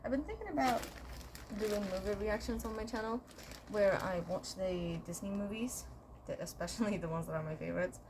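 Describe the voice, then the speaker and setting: Working in her garden outdoors, a young gardening vlogger from Sweden, a native Swedish speaker, playfully chats to viewers, mutters to herself and hums. She speaks a little fast in a medium-pitched voice over a noisy background.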